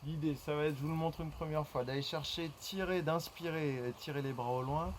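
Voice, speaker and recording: A man's voice: fairly high pitch, steady tone, fairly quick, a little hiss or hum, poor audio. A man leading a floor exercise class, guiding breathing and repeating cues rhythmically as he counts. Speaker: fitness instructor. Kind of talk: guided workout instruction.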